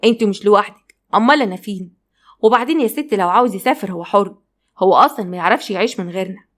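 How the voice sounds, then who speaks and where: Lady doing a furious egyptian dad, scolding hard and fast. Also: mid-range voice, a bit bright, lightly acted. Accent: Egyptian Arabic. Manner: scolding, threatening. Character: stern middle-aged father, furious at his son.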